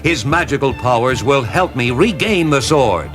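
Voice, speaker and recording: A man's voice: mid-range voice, expressive, normal speed, music in the background, lightly acted. A man playing a brave, earnest warrior hero in a children's cartoon, resolute and declamatory. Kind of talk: 1980s children's cartoon acting.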